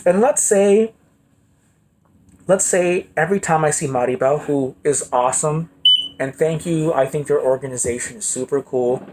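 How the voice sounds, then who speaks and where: A man's voice: mid-range voice, a little mellow, a little hiss or hum. A man speaking as a guest speaker in a casual, conversational talk, often checking in with "right?".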